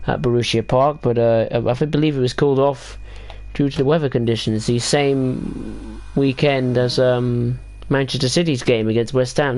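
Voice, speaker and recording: A man with a mid-range, somewhat dark voice keeps up a casual, rambling commentary during a train simulator stream, wandering into talk about football league tables while he drives the train.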